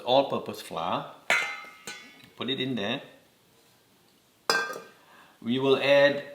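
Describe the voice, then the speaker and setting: A man with a Singaporean accent talks through a home baking recipe at a slow, patient pace. His instructions come step by step with gentle repeated reminders, and the voice is mid-pitched. The kitchen around him gives the sound a noticeably roomy echo. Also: a little hiss or hum. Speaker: home cooking host. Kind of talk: step-by-step cooking demonstration.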